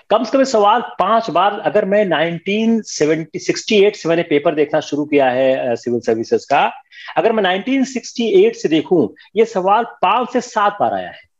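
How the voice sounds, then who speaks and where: Brief: older male lecturer, high lively voice, stern classroom manner, dull lo-fi recording. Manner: firm, scolding, mixes Hindi with English. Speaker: history teacher.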